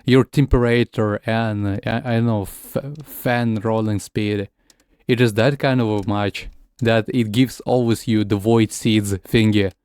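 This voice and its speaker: A man with a fairly low, darkish, clear and resonant voice speaks a little slowly with fairly even intonation, and there's no room sound. He's a native Russian speaker casually chatting during a gaming stream, switching between English and Russian. He often stumbles and repeats words.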